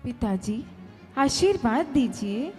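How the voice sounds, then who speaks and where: Brief: woman acting serene dutiful princess, high voice, slow and humble. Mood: pleading. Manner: calm, humble, soothing. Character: gentle devoted young princess, dutiful daughter. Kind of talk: stage play dialogue. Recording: reverberant hall with background music.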